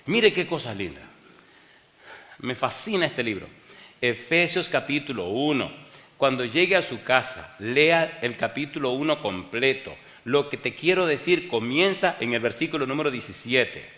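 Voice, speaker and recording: Bright-voiced preacher man in echoing hall. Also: medium pitch, animated. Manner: rhetorical call-and-response questions; slow, drawn-out scripture reading. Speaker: pastor. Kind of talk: preaching sermon. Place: church hall with a congregation. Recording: long hall reverb.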